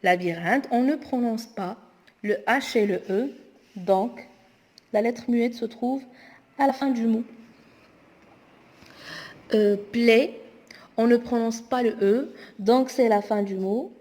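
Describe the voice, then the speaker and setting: A woman teacher going through homework exercises aloud, slowly and deliberately spelling words out. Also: a little high, a little mellow. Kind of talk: spoken homework correction lesson. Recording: long echoing reverb.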